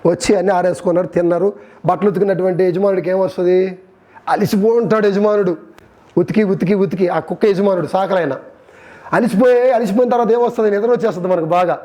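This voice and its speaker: A man's voice: high-pitched, fast talker. A male preacher giving a sermon, telling stories with animal examples and often asking the congregation questions. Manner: lively storytelling, keeps asking the congregation questions.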